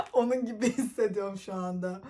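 Giggly, chatty young woman with a high voice. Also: a bit bright. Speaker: reaction vlogger. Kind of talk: casual reaction chat. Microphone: phone camera.

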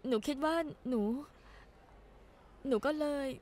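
A woman dubbing a fragile young woman into Thai for a TV drama; she is tearful and apologetic and speaks in halting bursts with polite particles. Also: a little mellow, close to an everyday voice. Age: young adult.

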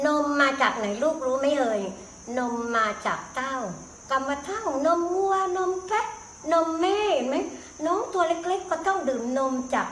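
A woman teacher explaining things to young children in a motherly way, with simple questions and gentle instructions. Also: high voice. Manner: motherly, addresses listeners as her children. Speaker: preschool teacher. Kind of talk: children's lesson to camera. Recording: echoey room, faint background noise.

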